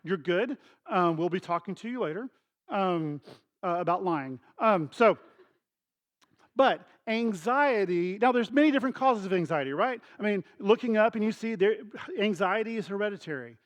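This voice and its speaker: A middle-aged pastor delivers his sermon in a high voice. He talks to the congregation casually and acts out scenes with voices and sound effects. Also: expressive, moderate pace. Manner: storytelling with acted dialogue and sound effects; conversational, addresses congregation directly.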